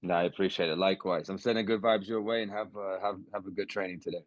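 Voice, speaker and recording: A young man, a boxer and podcast guest, talking in a relaxed, rambling way with many fillers and restarts over a video call. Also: low-pitched, fast, no echo, muffled recording. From United States, West Coast. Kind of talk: casual podcast interview.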